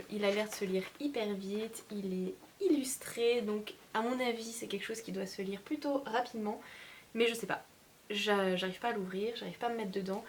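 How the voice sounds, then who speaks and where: A woman vlogger chatting about books in a casual, unscripted way. She hesitates a lot, fills her pauses with sounds, and teases herself lightly. Her voice sits at a medium pitch, with a faint hiss behind it. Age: adult mother of young children. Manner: hesitant, frequent filler sounds, self-mocking. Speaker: book vlogger. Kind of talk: casual chat about a reading list.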